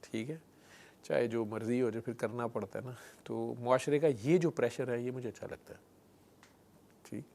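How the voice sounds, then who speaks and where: Gravelly doctor. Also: male voice, mid-range voice, fairly even intonation, moderate pace, dark tone. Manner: storytelling, frequent "theek hai" check-ins, mixes in English terms. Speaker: doctor guest. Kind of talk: explanatory conversational interview.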